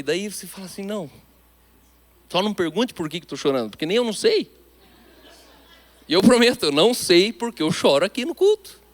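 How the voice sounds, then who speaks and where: A male pastor with a Brazilian Portuguese accent delivers a sermon in a fairly high voice. He preaches with emphasis, switching often between loud declarations and quiet, hushed asides.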